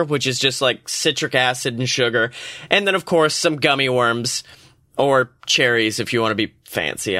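A man's voice: fairly high pitch, bright, forceful tone, no room sound, studio quality. A man narrating a story and giving a drink recipe in a casual, joking, irreverent way, with the odd swear word.

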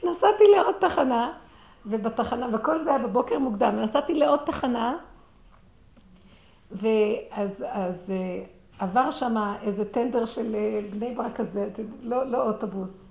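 A middle-aged woman telling a personal story in a religious talk, acting out the dialogue with animation and sinking into quiet, prayerful murmurs. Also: fairly high pitch, gravelly. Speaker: speaker sharing a personal story. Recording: roomy echo with faint background noise.

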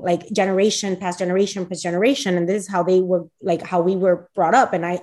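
A woman co-hosts a laid-back podcast, her pitch in an ordinary middle range. She talks earnestly and reflectively. Her talk is loose, with plenty of fillers. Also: a little mellow. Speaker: podcast co-host. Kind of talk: casual chat.

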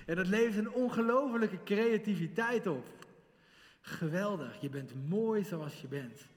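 A middle-aged man giving an interactive sermon to teenagers, lively and questioning the audience directly in a large hall. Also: sits high, unhurried. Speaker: youth speaker. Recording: long hall reverb.

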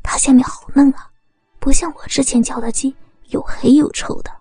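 A woman voicing an excitable, crude male thug who talks in an eager half-whisper. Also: high voice, moderate pace, no room sound, soft background music, close to an everyday voice.

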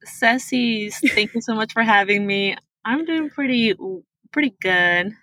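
A Peruvian woman whose first language is Spanish, a tech product manager appearing as a guest, tells her life story earnestly and with animation in interview answers. Her voice is on the high side, a little slow, and pushed and bright, with no room sound.

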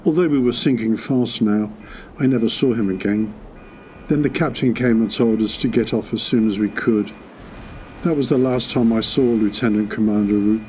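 A man's voice: fairly low pitch, moderate pace, warm tone, a little hiss or hum. A man giving a first-person recollection of a wartime event, telling it in a plain, matter-of-fact way.

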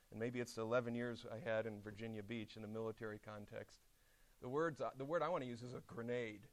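Gravelly middle-aged preacher in chapel. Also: male voice, mid-range voice. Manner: animated storytelling preacher with lively asides. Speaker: pastor. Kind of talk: chapel sermon. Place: seminary chapel.

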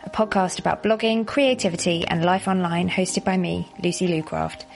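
Woman, podcast host, chatty, gravelly fry, faint music underneath. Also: lowish voice, fairly even intonation, moderate pace. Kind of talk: casual podcast interview.

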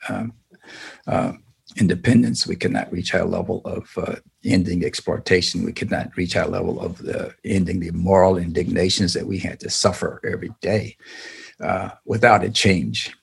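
An older man from the American South, a civil rights attorney answering interview questions in an earnest, deliberate way with many fillers. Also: low voice, steady tone, creaky, slightly rough.

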